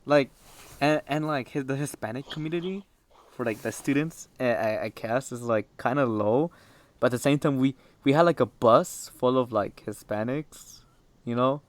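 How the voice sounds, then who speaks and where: A man's voice: medium pitch, moderate pace. A teenage boy hosting a casual podcast chat, rambling with many fillers and restarts. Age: teens. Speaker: podcast host.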